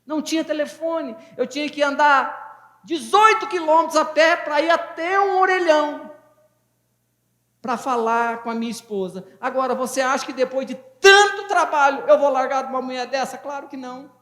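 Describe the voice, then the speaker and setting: A man's voice: very high-pitched, moderate pace, fairly bright tone. A man in his fifties from Brazil, a pastor preaching a fervent, folksy sermon and joking with his congregation. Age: 50s. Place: church hall. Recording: echoey church hall with long reverb.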